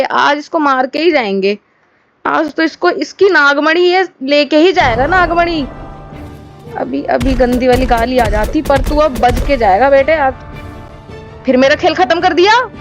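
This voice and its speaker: A woman giving comedic gameplay commentary, exclaiming and hurling dramatic threats at game enemies in repeated bursts. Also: measured pace. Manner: high-energy, exclaiming and repeating phrases. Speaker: gaming commentator. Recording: slightly dull audio with faint game music behind.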